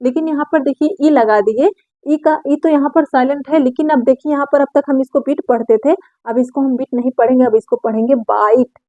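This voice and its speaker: A woman's voice: sits high, brisk, warm tone, no room sound. Woman teaching with patient repetition. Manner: patient, repeats key points, asks and answers her own questions. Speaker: English pronunciation teacher. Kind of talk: explanatory lesson. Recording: dry, muffled lo-fi recording.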